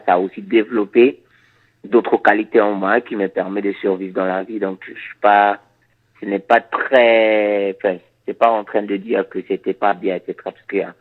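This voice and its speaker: Heard over what sounds like a phone line, a Surinamese reggae musician with Dutch as his first language responds to an interviewer in a lowish voice. His answers are halting and considered, with many repeated words.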